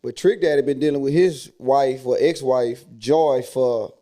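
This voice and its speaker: A man's voice: medium pitch, unhurried, mellow. A man hosting a podcast, telling stories and talking casually in heavy slang. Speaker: podcast host. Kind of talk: casual chat and storytelling.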